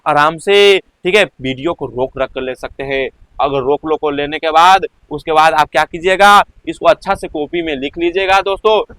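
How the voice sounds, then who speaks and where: Man, Bihari Hindi accent, school teacher, asks and answers his own questions, slightly high voice, dry close recording. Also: fairly bright tone, no echo. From Bihar, India. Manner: keeps quizzing listeners with his own questions, then answering. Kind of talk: explaining Hindi class exercises to students.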